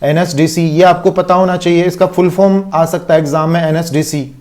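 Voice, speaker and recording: A man's voice: fairly high pitch, fairly even intonation, a little fast, darkish tone. A man with an Indian accent teaching an online exam-prep lecture, explaining step by step and checking in with constant rhetorical questions.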